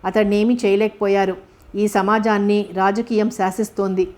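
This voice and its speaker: Lady reading a fiery young woman, sharp and indignant, fed up and not backing down. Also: medium pitch, little pitch movement, moderate pace, lightly acted. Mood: bitter.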